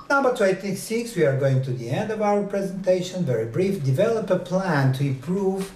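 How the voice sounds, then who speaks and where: A man lecturing a university class, speaking slowly and deliberately with many pauses and fillers. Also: mid-range voice, darkish tone, roomy sound, recorded from a distance, a little hiss or hum.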